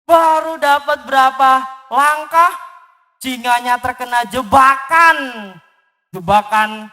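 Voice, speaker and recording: A woman telling a children's story to a young audience in an animated way, asking the children questions as she goes. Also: high-pitched, slow pace, soft background music. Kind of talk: storytelling for children at a live event. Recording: long hall reverb.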